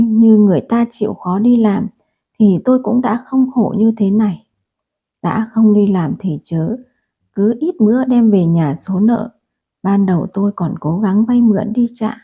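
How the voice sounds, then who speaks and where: A woman's voice: medium pitch, breathy edge. A woman narrating a first-person audio story in a plain, earnest way. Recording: tinny phone-like audio.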